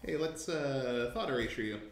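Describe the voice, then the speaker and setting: A man's voice: medium pitch, expressive, normal speed. A male card player with a mid-range voice announces his plays in a dry, teasing drawl. His voice carries the echo of the room, with a faint hiss underneath. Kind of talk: casual game talk. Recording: echoey room with faint noise.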